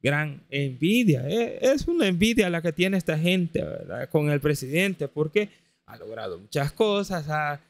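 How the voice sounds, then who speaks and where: A man commenting on a clip in a measured, lecturing way, often tagging his lines with a question. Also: fairly high pitch, sing-song, vocal fry.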